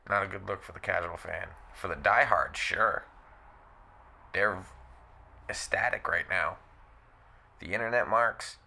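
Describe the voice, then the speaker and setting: Man, very deep voice, thick gravel, bright forceful tone, blunt opinionated vlog rant. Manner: blunt, blustery, repeats his points. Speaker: wrestling commentary vlogger.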